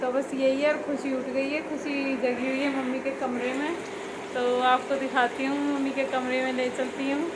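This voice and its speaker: A woman's voice: sits high, level tone, normal speed, heavy background noise. A young woman casually chatting to viewers as a vlogging mother, explaining her housework around the house and courtyard. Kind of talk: casual home vlog chat.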